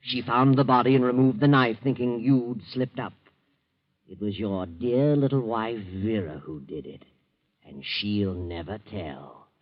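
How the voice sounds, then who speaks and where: An actor playing a sinister, all-knowing mystery narrator who taunts the guilty in 1940s radio style. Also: male voice, mid-range voice, measured pace, lightly acted. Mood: taunting, gloating. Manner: taunting, omniscient, addressing the culprit directly. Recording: dull old 1940s radio, music behind.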